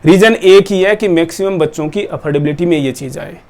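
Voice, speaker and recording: A man, a nursing exam coach, giving a forceful, persuasive talk to his students and asking them pointed questions. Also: high voice, a little fast. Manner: forceful, rhetorical, addresses viewers directly.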